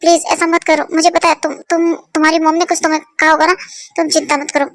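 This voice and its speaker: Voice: extremely high pitch, little pitch movement, fast, fairly bright tone, dry recording, studio quality. A young performer voicing a desperate young man who stammers as he pleads with the woman he loves. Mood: pleading. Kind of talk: Hindi fan dub drama. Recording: music playing underneath.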